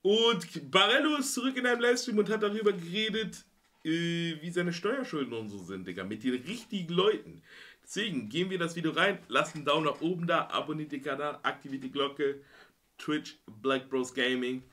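Male reaction host, bright and very animated, casual slangy exclamatory delivery. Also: fairly high pitch, a little fast. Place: small room indoors.

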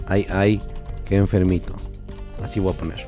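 A hoarse young man with a Mexican accent, sick with a cold, chatting casually on a live stream, reading out chat and swearing freely. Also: low voice, flat delivery, moderate pace, over music.

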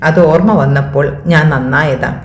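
A woman voicing a goofy, overdramatic young male college friend who talks in excited bursts. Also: rumbling low, normal speed, roomy sound, a little hiss or hum. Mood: teasing.

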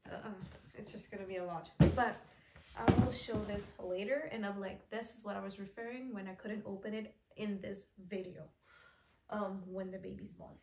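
A woman's voice: mid-range voice, fairly even intonation, measured pace, darkish tone, slight background noise. A woman vlogger chatting casually and rambling a bit through a haul video, holding the camera at home. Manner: chatty, rambling, repeats words. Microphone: handheld camera.

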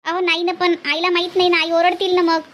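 A woman's voice: very high-pitched, monotone, quick pace, fairly bright tone. A woman voicing a shy young wife who fears her mother-in-law, in a village cartoon. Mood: worried.

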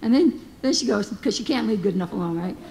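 A woman's voice: expressive, quick pace, gravelly, darkish tone. A woman giving a humorous, anecdotal eulogy speech as a former staffer, telling stories and quoting others. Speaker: memorial speaker, former staffer. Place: large hall. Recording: long hall reverb, faint rumble.

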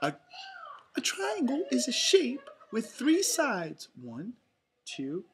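A woman's voice: on the high side, huge pitch swings, slow, a little hiss or hum, pitched above the performer's own voice, exaggerated voice. A woman voicing a female cartoon mouse from a storybook, explaining things in a teacherly way. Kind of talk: storybook read aloud.

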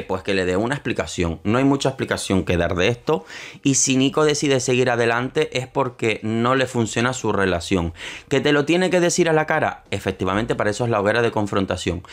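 A young man, giving opinionated, sarcastic commentary on a reality show and slipping into quick impressions of the people on it. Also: mid-range voice. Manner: sarcastic, opinionated, mocking asides; quick shifts into quoting others. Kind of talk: casual commentary.

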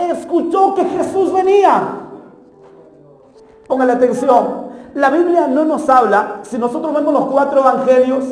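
A man preaching a Pentecostal sermon with passion, often shouting and acting out a beggar's cries. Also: very high voice. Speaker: pastor. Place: church hall. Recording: echoey hall, long reverb.

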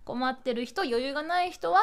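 A woman's voice: sits high, fairly quick. A woman hosting a radio show in casual chat, playful and rambling, laughing often, into a studio microphone. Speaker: radio host.

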